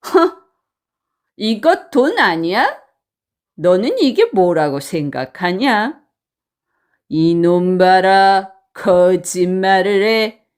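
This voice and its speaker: A woman voicing gruff male mountain bandits who bark threats and orders. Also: mid-range voice, very animated, extremely slow, pauses often, pitched below the performer's own voice.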